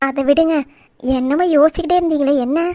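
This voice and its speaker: A woman's voice: high voice, fairly even intonation, fast, mellow, no echo, clean studio sound, lightly acted. A woman voicing a bold, fearless young bride-to-be in a cartoon, teasing her elders cheekily. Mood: cheeky. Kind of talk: cartoon voice acting.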